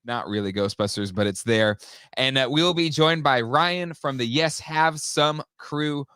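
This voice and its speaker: An upbeat co-host of a live toy show chats casually on stream, his speech loose and full of fillers and restarts. His medium-pitched voice is a little slow, bright, forceful, clear and resonant, somewhat stuffy from a cold, in a dry, close room without echo.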